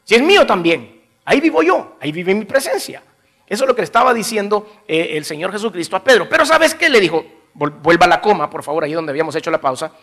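A man preaching a sermon in an animated way, asking his congregation questions and chuckling between phrases. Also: high voice, quick pace.

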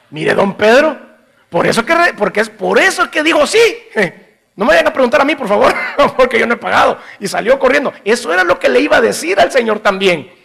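A man preaching a sermon in an animated way, asking his congregation questions and chuckling between phrases. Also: extremely high pitch, vocal fry.

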